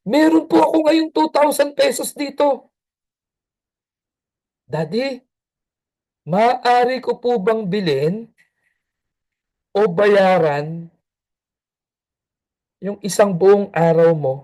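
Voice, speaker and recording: A man's voice: sits high, drawn-out words, pauses often, darkish tone, pitched above the performer's own voice. A man voicing a small boy who pleads with his busy father, whiny and insistent. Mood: eager. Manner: whiny, pleading, repeats "daddy".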